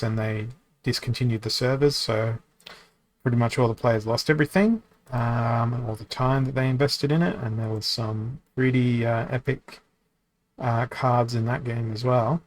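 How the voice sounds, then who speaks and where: A man hosts a card game live stream, chatting casually with his audience in a middle-pitched voice. He reads out viewer questions and answers them, rambling with lots of ums and restarts. His intonation stays fairly even and he talks at a normal speed.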